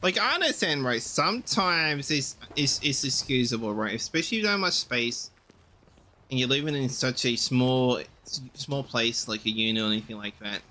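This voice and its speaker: A man's voice: medium pitch, lively intonation, normal speed, sharp tone, slight background noise. A man streaming a game, chatting casually in a rambling, ranting way and swearing freely. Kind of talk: casual chat while gaming.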